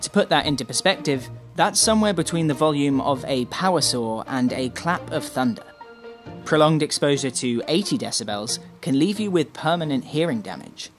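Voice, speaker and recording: Male reporter voice-over, fairly high pitch, scripted feature read, clear music bed. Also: animated, moderate pace. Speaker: reporter, narrator.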